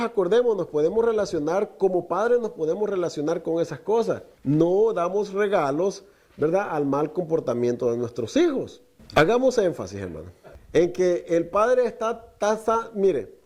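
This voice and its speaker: A native Spanish speaker with a mellow, rather high voice teaches a Torah portion in Spanish. He preaches with rhetorical questions and often calls his listeners brother.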